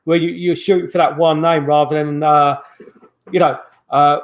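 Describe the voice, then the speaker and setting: Rambling middle-aged man with a higher voice. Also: little pitch movement, moderate pace. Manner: rambling, with many restarts and fillers. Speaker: guest paranormal investigator. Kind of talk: casual storytelling over video call. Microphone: video call microphone.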